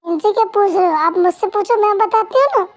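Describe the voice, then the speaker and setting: A woman's voice: very high-pitched, fairly quick, no echo, low-quality recording. A woman voicing a pouty young wife who cries easily and talks in a whiny, sulky way, in a Hindi fan dub. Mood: covering up.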